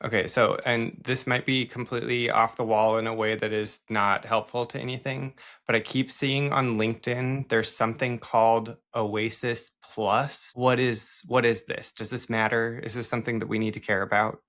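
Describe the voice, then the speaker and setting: A man's voice: medium pitch, level tone, a bit bright. Chatty, joking male podcast host. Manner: jokey, chatty, quick to laugh. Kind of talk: casual chat.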